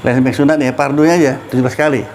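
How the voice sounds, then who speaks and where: A man's voice: mid-range voice, steady tone, racing, darkish tone, a little hiss or hum. A middle-aged man, a religious teacher, giving a casual study talk and asking his listeners questions. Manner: conversational, asks listeners questions.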